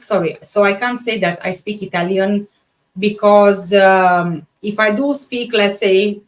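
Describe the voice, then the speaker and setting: Speaking with a mid-range voice over poor audio, a woman from Romania chats with viewers as a livestream host. Her Romanian accent is clear, and her answers come out haltingly, often repeated or reworded.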